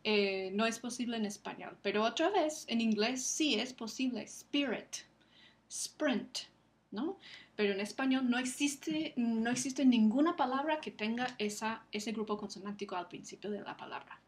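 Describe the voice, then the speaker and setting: A woman delivers a recorded lecture in a slightly high voice. She explains step by step and sounds out each example word slowly and carefully. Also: lively intonation. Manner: careful, slow enunciation of example words. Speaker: Spanish phonetics lecturer.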